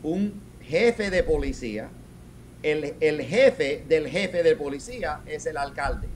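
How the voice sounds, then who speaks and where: A middle-aged man, a retired police commander, answering interview questions over a webcam from a home office, talking haltingly with many restarts and English words mixed in. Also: fairly high pitch, lively intonation, slight background noise. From raised in New York. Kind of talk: video call interview. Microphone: video call webcam.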